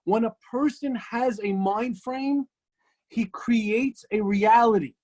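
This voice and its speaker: A man's voice: extremely high pitch, slow pace, darkish tone. A man, a rabbi, giving an ethics class, who tells stories in an emphatic style and repeats phrases for effect.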